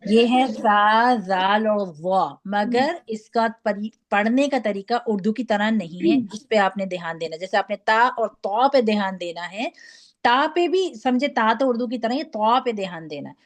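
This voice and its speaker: A woman's voice: mid-range voice, lively intonation. A woman teaching Quran recitation, patiently modelling each letter sound for students to repeat. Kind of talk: online tajweed lesson.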